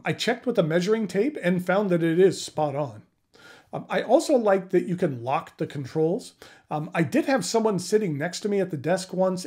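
A man in his fifties narrating a product review of his home office desk in a steady, measured way, often starting lines with um or uh. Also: on the high side. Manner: steady, measured delivery with frequent ums and uhs. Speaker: channel host reviewing a standing desk.

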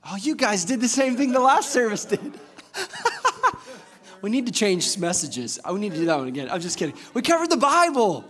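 A Georgian assistant pastor in his thirties preaches a lively sermon from a church stage in front of a screen. He is enthusiastic, gestures widely, and asks the congregation questions, speaking briskly in a high voice.

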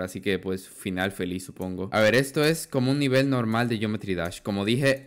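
A man, his voice worn out from talking, commentating his gameplay casually and swinging from mumbles to yelps. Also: lowish voice. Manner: excitable, swings from mumbling to yelling. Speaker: gaming youtuber.

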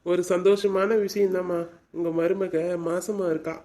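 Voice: mid-range voice, flat delivery, moderate pace, dark tone, natural voice. A performer playing a boastful male village doctor in a comedy skit, giving orders to the family.

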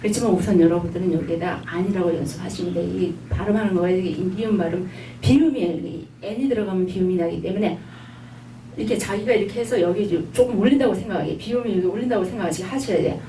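A woman lecturing in an online class, patient and repetitive, stopping to model drawn-out sounds. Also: medium pitch, warm tone, distant mic. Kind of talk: online lifelong-learning lecture. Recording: echoey room, voice off-mic, faint hum.

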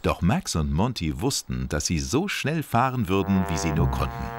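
Low-voiced man telling a lively children's story. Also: moderate pace. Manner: expressive, sing-song telling. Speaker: narrator. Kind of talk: scripted storybook narration. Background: music.

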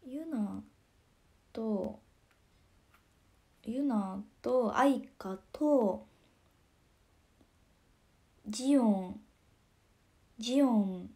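A young woman with a Kansai accent, hosting a casual livestream. She chats about viewer comments in a giggly, soft-spoken way and often drops to a near whisper. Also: fairly high pitch, drawn-out words, pauses often. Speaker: idol livestream host.

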